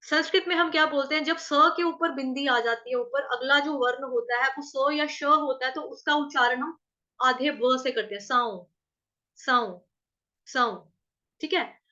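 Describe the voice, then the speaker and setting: A woman teaching Sanskrit verse pronunciation, patiently repeating syllables, chanting lines slowly and asking if everyone follows. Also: high-pitched, pushed and bright, dull audio. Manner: patient, repeats syllables and asks checking questions. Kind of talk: recitation lesson with chanted verse examples.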